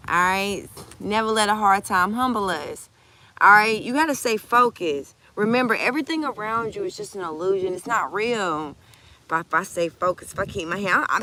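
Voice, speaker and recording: Bright-voiced woman doing a tarot vlog outdoors. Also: mid-range voice, a little hiss or hum. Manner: animated, preachy, swings between hushed and loud. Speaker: tarot reader. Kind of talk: casual emotional tarot vlog. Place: outdoors by water.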